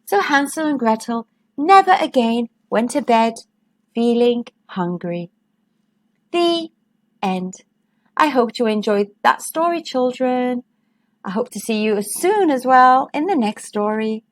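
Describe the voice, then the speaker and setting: A woman reading a picture book aloud to children in an expressive storytelling manner. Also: fairly high pitch, a little slow. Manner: expressive, sing-song storytelling.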